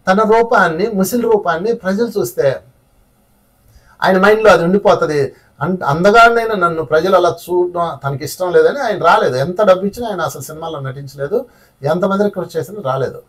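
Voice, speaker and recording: A man's voice: high voice, brisk, distant mic. A man teaching a spiritual class, telling stories in a conversational way and asking his listeners rhetorical questions.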